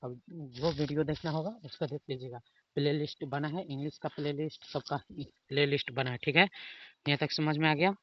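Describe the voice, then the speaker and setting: A man's voice: a little high, fairly even intonation, brisk, lo-fi sound, a little hiss or hum. A man teaching an online spoken English class, repeating his prompts often and spelling example words letter by letter. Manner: repetitive, keeps saying "dekhiye" and "theek hai".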